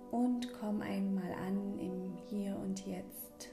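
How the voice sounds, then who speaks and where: A woman guiding a meditation in a soft, breathy near-whisper, gently and soothingly, with long pauses. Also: mid-range voice, fairly even intonation. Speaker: meditation guide and podcast host. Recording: roomy echo, ambient music bed. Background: slow ambient new-age music.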